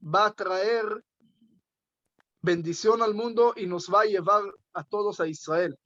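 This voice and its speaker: A man's voice: high-pitched, measured pace, fairly bright tone, dry recording, highs cut off. A man voicing an earnest rabbi from an old story, speaking in a pleading, heartfelt way.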